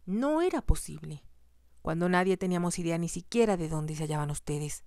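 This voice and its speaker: Lady doing a snooty stepmom, curt and cold, kinda low voice. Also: animated, moderate pace, darkish tone, no echo, clean studio sound, close to an everyday voice. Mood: scornful. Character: haughty, hostile widowed stepmother.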